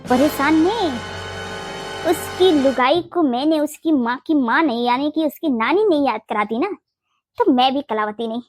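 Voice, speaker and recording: A woman voicing a fiercely protective, sharp-tongued older mother-in-law in a Hindi cartoon, blunt and bossy. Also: high voice, steady tone, normal speed, pauses often, soft background music, close to an everyday voice. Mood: irritated. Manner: blunt, scolding, makes boastful vows.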